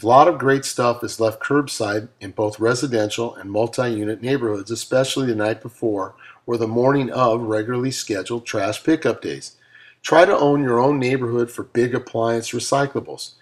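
A man's voice: medium pitch, moderate pace. A man reading his own audiobook aloud in an upbeat, motivational coaching manner, with casual asides. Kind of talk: self-read audiobook narration.

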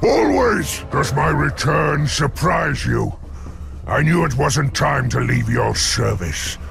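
A man voicing a devoted, pompous orc servant in a video game, gravelly and formal. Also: on the high side, animated, slow pace, music in the background, full character voice. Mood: proud devotion.

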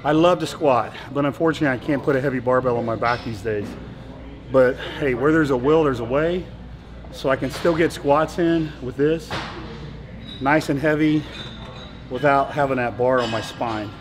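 A middle-aged man coaching a leg workout in a large indoor gym, counting reps loudly and urging his partners on, then calmly explaining the machines. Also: mid-range voice, moderate pace. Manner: loud rep-counting encouragement. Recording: echoey gym with loud music.

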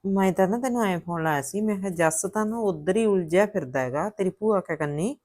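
A woman's voice: medium pitch, fast, darkish tone, close to an everyday voice. An actress playing a worried middle-aged mother-in-law on the phone, with a coaxing, repetitive way of talking. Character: worried older mother-in-law, alone at home.

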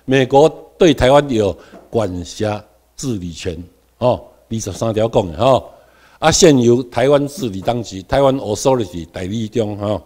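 A middle-aged Taiwanese man giving a classroom lecture, with quiet asides and sudden loud stressed words, having the class repeat terms after him. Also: fairly low pitch, expressive, moderate pace.

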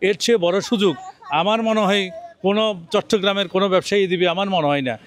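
A middle-aged man with a high voice reports a little fast from an outdoor livestock market under a bamboo shed. Holding a handheld mic, he persuasively addresses viewers in an on-location promotional interview. The recording sounds dry.

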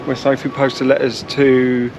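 A man's voice: medium pitch, monotone, measured pace, background noise. A man filming a casual travel vlog outdoors in a town, chatty and blunt, talking to a handheld camera. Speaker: vlogger.

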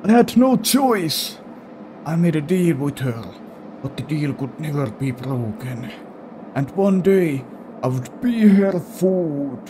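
A man voicing an old grandfather bound to a monstrous creature, speaking slowly and solemnly. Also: a little high, expressive, mellow, slight background noise. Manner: slow, solemn old-man voice reading game dialogue.

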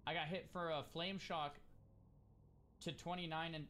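Streaming a video game from a small room on a headset mic, a young man talks through the action, puzzled at first and then thrilled. This live gameplay commentary is excitable and full of exclamations, delivered unhurriedly in a fairly high voice with a little hiss or hum.

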